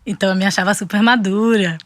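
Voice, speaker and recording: A young Brazilian woman with a Bahian accent talks fast, with a medium-pitched, slightly bright voice and fairly even intonation, over a little hiss or hum. As a guest artist in a casual interview, she reflects thoughtfully while frequently restarting and using fillers.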